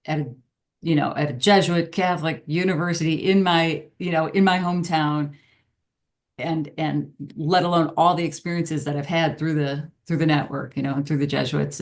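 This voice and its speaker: Rambling middle-aged woman, lowish voice. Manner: rambling, frequent laughs. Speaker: guest, business professor. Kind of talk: casual interview conversation.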